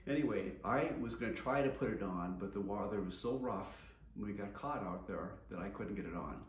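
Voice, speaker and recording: In an echoey home room with a wood floor, a folksy man in his sixties gives a casual how-to on the kayak fishing gear he built himself, saying "uh" often. He talks fairly quickly, and his pitch is fairly low.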